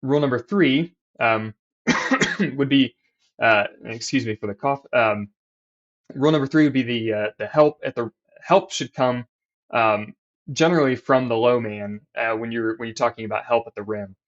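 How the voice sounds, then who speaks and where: A man's voice: medium pitch, moderate pace. A man, a basketball coach, explaining defense in a voice-over over diagrams and game clips, with restarts as he points things out. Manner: explanatory, restarts and fillers while drawing on screen. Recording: slightly dull lo-fi sound.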